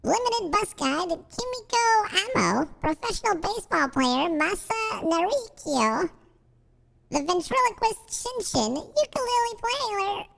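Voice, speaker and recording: Squeaky sped-up chipmunk voice. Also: male voice, vocal fry, in a large hall, heavily acted. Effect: sped-up chipmunk voice filter. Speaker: game streamer reading game text. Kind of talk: reading on-screen game text aloud.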